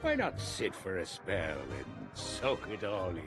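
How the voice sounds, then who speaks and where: A man's voice: low-pitched, wildly swooping pitch, unhurried, heavily acted. A man voicing a weathered, chatty pirate lounging in a tavern in a video game, telling tales in a drawling storyteller's manner. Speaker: non-player character. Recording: game audio with music bed. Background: game music.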